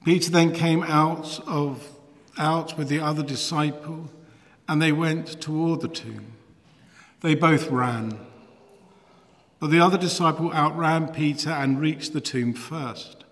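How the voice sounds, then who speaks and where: A middle-aged man, a priest, reading scripture in a measured, formal way with echo around his voice. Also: fairly high pitch, a bit bright. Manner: measured, formal, partly intoned. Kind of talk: solemn liturgical scripture reading. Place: church, at a lectern. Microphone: lectern gooseneck microphone. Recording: long church echo.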